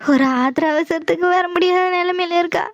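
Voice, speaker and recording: A woman's voice: extremely high pitch, steady tone, a little fast, dry recording, dull audio. A woman voicing a scheming, self-pitying old mother-in-law in a cartoon, complaining and guilt-tripping. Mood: wailing. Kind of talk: cartoon voice acting.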